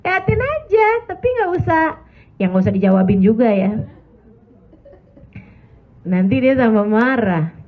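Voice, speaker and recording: A middle-aged woman preaching to women in a chatty, lively storytelling way, acting out the people she quotes. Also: mid-range voice, unhurried, long pauses. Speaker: Islamic preacher. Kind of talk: religious talk to women. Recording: tinny phone-like recording.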